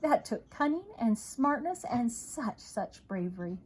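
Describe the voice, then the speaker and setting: A woman voicing a kind, earnest male schoolteacher in a storybook, tender and encouraging, with a husky voice. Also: a little high, big pitch swings, measured pace, a little hiss or hum.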